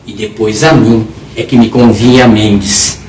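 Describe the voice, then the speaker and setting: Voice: fairly even intonation, a little slow, darkish tone, slight background noise, close to an everyday voice. A performer voicing a plump, smug and gossipy older canon priest in a dramatic reading of a novel, speaking emphatically. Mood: insistent. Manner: emphatic, with wide swings of pitch between phrases. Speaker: reader voicing the characters. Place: small intimate room. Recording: roomy sound from a distant mic.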